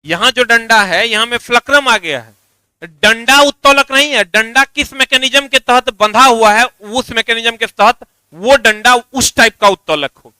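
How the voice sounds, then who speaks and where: A man's voice: very high voice, moderate pace, pushed and bright, clean tone, no echo. A man teaching a physics class, teasing his students and drilling them with repeated chants.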